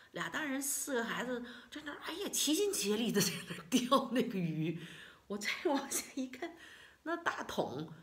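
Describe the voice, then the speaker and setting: A middle-aged woman from China telling a personal story in a casual vlog, emotional and expressive, with many repeated words and sighs. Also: a little high. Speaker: vlogger.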